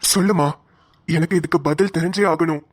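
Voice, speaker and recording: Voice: medium pitch, fairly even intonation, moderate pace, slightly rough, no room sound, lightly acted. A voice actor playing an earnest, principled young husband in a cartoon, speaking colloquial Tamil Nadu Tamil. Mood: firm. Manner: earnest, questioning, firm.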